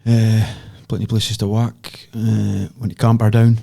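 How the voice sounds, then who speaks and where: A man's voice: lowish voice, little pitch movement, normal speed, vocal fry, mellow. A man with a Scottish accent, chatting casually as a podcast co-host. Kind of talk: casual chat.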